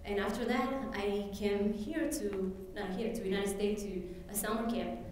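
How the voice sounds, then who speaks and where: A darkish, mid-range female voice comes from afar in a very echoey event hall as a woman from Ethiopia, first language Amharic, shares her story. Her testimony is halting, with many fillers and restarts, and there's slight background noise.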